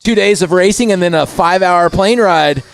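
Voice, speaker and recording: A man's voice: sits high, moderate pace, creaky. A man from Indiana giving chatty, folksy live commentary at a bike race. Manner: chatty, folksy, keeps saying "if you will".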